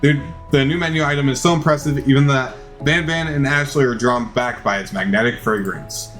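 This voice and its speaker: A man narrates a game playthrough in a mid-range, slightly bright voice, moving briskly through a theatrical reading of the game's text. He makes small stumbles along the way, and music plays beneath him.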